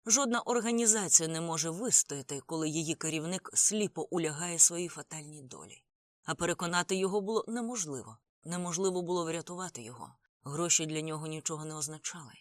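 An audiobook reader voicing a grieving older male crime boss, pleading and agitated in a raised, higher voice. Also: fast talker, hardly any pauses, no echo, studio quality, lightly acted. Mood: agitated lament. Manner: pleading, agitated, tearful speech.

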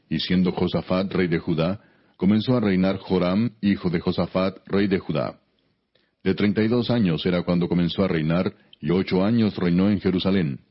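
Deep, husky man narrating scripture solemnly. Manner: measured, formal reading. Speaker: audio Bible narrator. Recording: dull, lo-fi audio.

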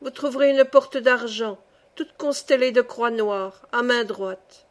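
A genial old male saint who keeps heaven's gate, as a woman reader puts him on, fatherly and reassuring in an audiobook tale. His voice sits fairly high, and the words come slowly and unhurriedly. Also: natural voice.

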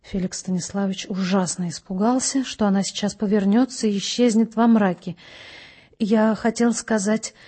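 Woman narrator, literary audiobook, measured, expressive, dark tone, husky. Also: mid-range voice.

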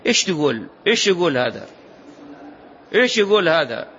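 A man's voice: fairly high pitch, very animated, fairly quick, a bit bright, slight background noise. A man delivering a religious lesson as a lecturer, speaking emphatically, asking rhetorical questions and repeating key phrases. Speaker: Islamic lecturer. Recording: dull lo-fi lecture recording.

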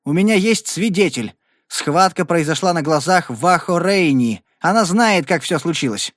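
A man's voice: fairly high pitch, animated, normal speed, fairly bright tone, no echo, studio quality, pitched above the performer's own voice. A man reading an audiobook and voicing an earnest, stubborn young cowboy who speaks emphatically. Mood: insistent. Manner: emphatic, pleading.

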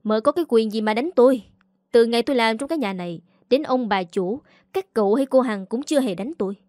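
A woman voicing a young female maid in a storybook reading, pitching her voice higher than her narration and stammering when the maid is scared. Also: fast talker, a little mellow, no room sound, clean studio sound, natural voice. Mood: defiant.

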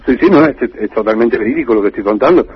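A man telling a story on a radio show in a lively, joking way. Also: medium pitch, quick pace, husky. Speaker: radio contributor. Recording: dull, dry radio line.

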